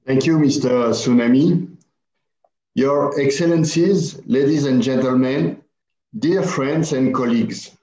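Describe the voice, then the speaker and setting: A man from France with a French accent giving a formal, measured conference speech to an audience. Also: medium pitch, warm tone, echoey room, lo-fi sound. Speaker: conference speaker.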